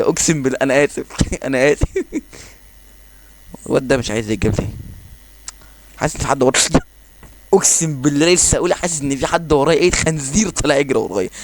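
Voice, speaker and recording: Fast-talking Egyptian man commenting on gameplay. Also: mid-range voice. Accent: Egyptian Arabic. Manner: excitable, exclaiming and joking while playing. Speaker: gaming channel host.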